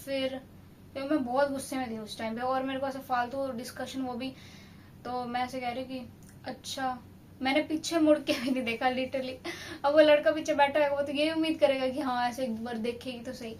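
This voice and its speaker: A young woman with a high, bright voice tells a story in an animated, indignant way, often turning to scold the viewer. A faint low rumble runs underneath. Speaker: storytelling vlogger. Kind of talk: casual storytime monologue.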